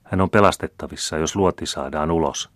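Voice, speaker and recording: A man reading aloud the lines of a noblewoman disguised as a peasant, speaking earnestly, solemnly and gently. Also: very deep voice, no room sound. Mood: grave. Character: noble woman disguised as a peasant, calm and grave.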